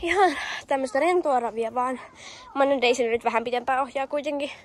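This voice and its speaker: A young woman vlogging outdoors on a field with a handheld camera, chatting casually with many fillers and calling out commands. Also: high voice. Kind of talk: casual hobby-horse riding vlog.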